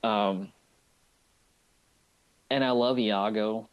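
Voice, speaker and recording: A man co-hosting a movie podcast, chatting casually and enthusiastically about an animated film, often restarting his sentences. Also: fairly low pitch, extremely slow, clean tone, highs cut off. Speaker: podcast co-host.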